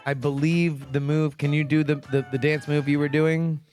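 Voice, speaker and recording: A man's voice: a little high, flat delivery, moderate pace, darkish tone. Rambling man with music behind. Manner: rambling, self-interrupting. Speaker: podcast co-host. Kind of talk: casual comedic banter.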